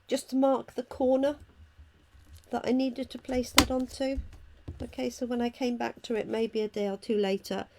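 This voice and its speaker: A hoarse, croaky-voiced woman chattily talking through each step of a casual live craft tutorial as she works. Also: on the high side, flat delivery, normal speed, warm tone, a little hiss or hum. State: hoarse from illness. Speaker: craft demonstrator hosting a live stream. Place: at a craft table indoors.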